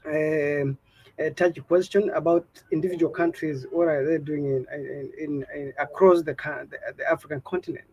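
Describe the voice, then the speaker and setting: A man's voice: a little high, fairly even intonation, normal speed, darkish tone, muffled recording. A man from Kenya speaking on a discussion panel, hesitant and searching for words. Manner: hesitant, many fillers and restarts.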